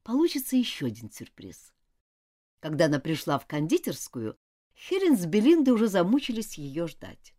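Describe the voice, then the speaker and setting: A woman's voice: on the low side, wildly swooping pitch, moderate pace, mellow. A woman narrating a children's storybook aloud, voicing all the characters expressively.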